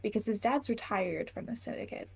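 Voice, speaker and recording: A woman playing a tabletop game, chatting casually and planning out loud. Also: on the high side, animated, a little fast, vocal fry, husky. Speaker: player.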